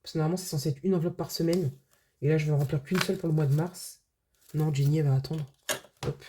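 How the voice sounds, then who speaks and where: A woman's voice: deep voice, steady tone, quick pace, background noise. A woman budget vlogger chatting casually to her viewers, full of filler words and restarts. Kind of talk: casual vlog chat.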